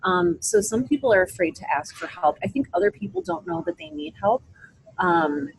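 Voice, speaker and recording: An adult woman, a guest in an interview, gives conversational, reflective answers and explains her thinking aloud. Her voice is a little high, very animated and creaky at a normal speed, on a low-quality recording with faint ambient noise in the background.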